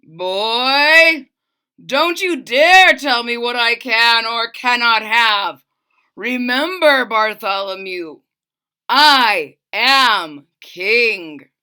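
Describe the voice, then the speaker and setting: A woman's voice: on the high side, lively intonation, extremely slow, sharp tone, clear, resonant tone, full character voice. A woman voicing a grumpy, proud old king in a storybook, growling and imperious. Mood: imperious, angry.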